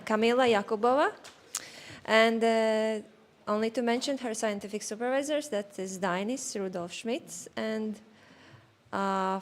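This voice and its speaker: Casting: woman, thesis defense moderator, formal and halting, very slow, slightly high voice.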